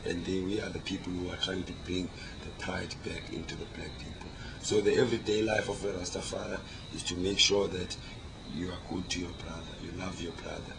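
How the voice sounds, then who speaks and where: A man's voice: low-pitched, steady tone, brisk, few pauses. A man with devout, emphatic Rasta speech, explaining his faith in an interview, repeating words for weight. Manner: devout Rasta speech with reverent religious phrases. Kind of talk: explanatory religious interview talk. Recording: clearly noisy location recording.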